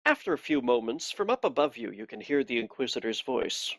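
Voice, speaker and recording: A man's voice: medium pitch, sing-song, a little fast, no room sound. A man running a tabletop game as game master, narrating in hesitant but precise phrasing.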